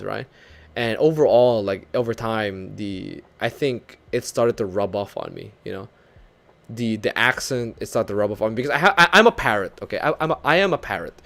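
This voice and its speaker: On the low side and gravelly, this young Filipino man's voice carries a casual VTuber chat with viewers. His English has a light North American lean, and he's talkative, laughs a lot, teases himself, and becomes animated when telling stories.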